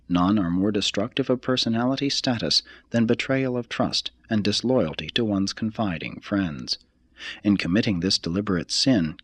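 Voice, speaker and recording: An audiobook reader with a fairly low, husky male voice narrates a solemn religious text. He reads in a formal, deliberate way, his pitch rising and falling in a lively manner. The recording is dry and close, with no surrounding room sound and no echo.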